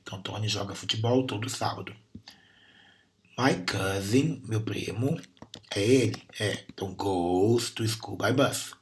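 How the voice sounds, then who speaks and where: A man's voice: fairly low pitch, unhurried, slight background noise. A Brazilian man teaching English grammar and pronunciation, patiently repeating sounds and words to demonstrate them. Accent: Brazilian Portuguese. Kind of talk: recorded class lesson.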